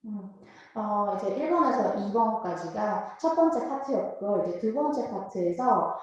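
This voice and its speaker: Echoey, mellow woman interpreting a lecture. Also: mid-range voice, animated, moderate pace, lo-fi sound. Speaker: host and interpreter. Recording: very echoey room.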